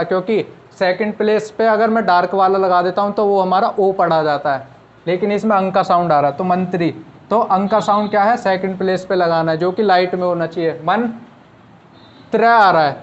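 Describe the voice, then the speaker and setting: The recording is muffled, carrying a man's high voice with fairly even intonation at a moderate pace. In his online shorthand class he goes step by step, patiently raising rhetorical questions and supplying the answers.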